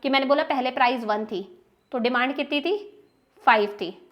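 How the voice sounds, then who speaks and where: A woman's voice: high voice, moderate pace, a bit bright. A young woman with an Indian accent teaching an exam-prep economics lecture, explaining step by step, stressing key terms and often asking if students have understood. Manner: explains step by step, checks understanding with repeated questions.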